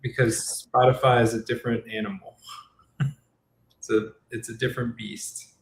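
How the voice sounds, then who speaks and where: A man's voice: medium pitch, flat delivery, moderate pace. A man on a group call, sounding like he is in a cave, chatting casually and explaining things plainly. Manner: easygoing, explains things plainly with light laughs. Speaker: podcast co-host. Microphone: poor remote call mic. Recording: cave-like echo from a roomy space.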